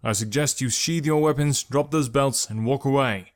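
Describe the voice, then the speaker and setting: A man voicing a calm, curt young male archer in an audiobook, speaking dry and clipped. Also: mid-range voice, fast, no echo, pitched above the performer's own voice, close to an everyday voice. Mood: commanding. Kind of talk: audiobook character voice.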